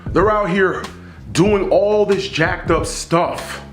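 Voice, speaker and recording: A man's voice: sits high, slow pace, faint music behind. Emphatic man preaching in an echoey room. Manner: emphatic, preachy, repeats phrases for stress. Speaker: commentary vlogger. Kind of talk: opinion monologue to camera.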